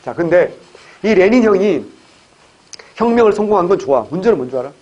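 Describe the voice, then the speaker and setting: A man teaching a history class for exam students, joking and firing quick questions at the class. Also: sits high, very animated, a little mellow, breathy edge, highs cut off. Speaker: civil service exam history lecturer. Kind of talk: classroom lecture.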